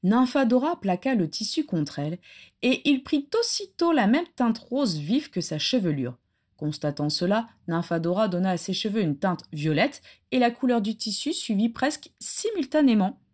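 A woman reading a story aloud as an audiobook, in an expressive storytelling style. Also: medium pitch, moderate pace. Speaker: audiobook narrator.

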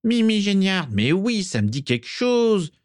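A man's voice: mid-range voice, expressive, moderate pace, no echo, clean studio sound, voice pushed up, lightly acted. A man voicing a malicious teenage schoolboy bully who taunts with a sneer in an audiobook reading. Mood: gloating. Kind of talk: audiobook character voice.

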